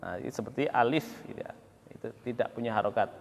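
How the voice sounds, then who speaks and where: A man teaching Quran recitation to a class, drilling students, counting aloud and chanting verses slowly. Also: mid-range voice, vocal fry. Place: mosque hall. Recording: long mosque reverb.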